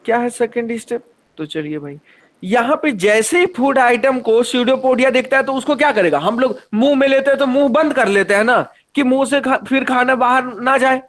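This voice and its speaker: A man leads an online science lesson in a fairly high voice. He talks in a lively way and keeps asking the students questions. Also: moderate pace. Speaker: teacher.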